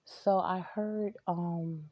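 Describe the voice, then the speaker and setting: A woman spiritual reader telling a story to camera, hesitant and halting, often repeating words and trailing off. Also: lowish voice, fairly even intonation, warm tone, dry recording.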